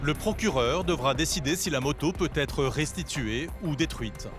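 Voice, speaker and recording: A man with a French accent from France reading scripted TV report narration in a measured, explanatory way. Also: a little high. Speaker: documentary narrator. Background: music.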